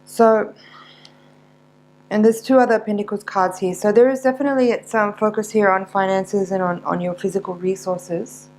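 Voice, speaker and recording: A woman giving a mystical horoscope tarot reading, unscripted, in a searching, halting manner with repeated words. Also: mid-range voice, steady tone, a little mellow, a little hiss or hum, poor audio. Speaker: tarot reader.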